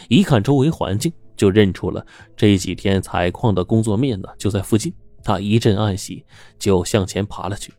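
Low, mellow male storyteller. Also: no room sound. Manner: steady, dramatic storytelling with drawn-out particles. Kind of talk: serialized story narration.

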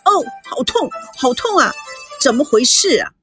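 A woman's voice: high voice, very animated, moderate pace, loud music behind the voice, pitched above the performer's own voice. A woman voicing a flustered young man who stammers and yelps in a storytelling audio drama. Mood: pained. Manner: stammering, yelping.

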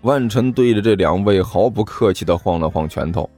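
Lively male audiobook storyteller. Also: fairly low pitch, moderate pace. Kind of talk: audiobook narration. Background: faint music.

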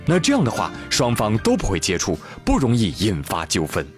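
The host of a comic news show delivers commentary packed with Chinese internet slang, telling stories in an exaggerated, teasing, sarcastic way. His lowish, darkish voice swoops wildly in pitch and runs a little fast, with music playing behind him.

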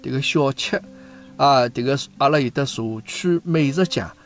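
A host in his fifties with a Shanghainese accent keeps a casual chat going, regularly checking that his guest agrees. His mid-range voice moves at a normal speed, with faint music audible behind him.

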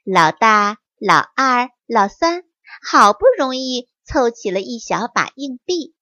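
A woman reading a bedtime story in a gentle, expressive way, with a fairly high voice that rises and falls a lot. She takes her time, and the recording sounds dry and slightly muffled. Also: takes it slowly, no room sound.

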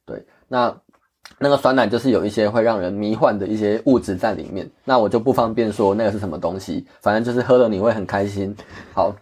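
A man's voice: lowish voice, fast, a little mellow, husky. A man, a guest earnestly telling travel stories in casual chat. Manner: earnest, candid, many restarts.

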